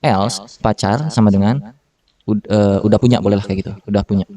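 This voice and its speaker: Man in his thirties, programming tutor, quick casual delivery, mellow dark tone, slightly distant mic. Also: on the low side, fairly even intonation. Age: 30s. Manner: slangy Jakarta-style casual talk with fillers and self-corrections. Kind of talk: casual screen-recorded coding tutorial.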